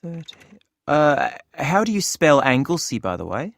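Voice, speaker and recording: A polite club desk clerk. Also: male voice, on the high side, big pitch swings, unhurried, vocal fry, dry recording, exaggerated voice. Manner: polite, asks form questions while typing. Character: friendly male clerk at a social club desk. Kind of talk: scripted exam listening recording.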